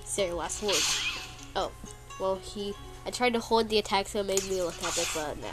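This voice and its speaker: Over loud game music, this woman's mid-range, stuffy-nosed voice moves at a normal pace. She's a gameplay creator doing casual commentary, chatting and wandering off-topic, and she grumbles playfully whenever her character takes a hit.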